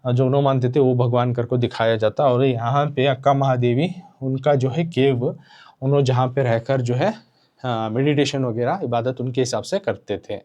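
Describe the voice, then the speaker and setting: A man's voice: mid-range voice, steady tone, normal speed, dark tone, muffled recording. A male teacher explaining a poem line by line, repeating phrases and slipping into English.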